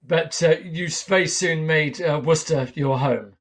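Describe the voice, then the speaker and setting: A man in his fifties hosts an interview over a webcam from a small room at home. His voice sits a little high for a man, and he asks measured, roundabout questions, often pausing on fillers. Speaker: interview host. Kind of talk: recorded video-call interview. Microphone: webcam on a video call.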